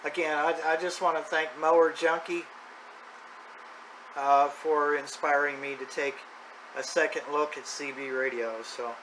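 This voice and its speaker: Here's a middle-aged or older hobby-video host rambling through an unscripted vlog monologue in a homespun, plain-spoken way. His slightly high voice sounds pushed and bright, with fairly even intonation and an unhurried pace. The poor audio carries clear background noise and ambient sound.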